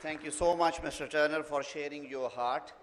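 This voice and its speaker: Pakistani man hosting, higher voice, echoey hall. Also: steady tone, moderate pace, crowd noise, background noise. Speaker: conference host. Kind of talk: formal event hosting. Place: large conference hall, podium. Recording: echoey hall with long reverb.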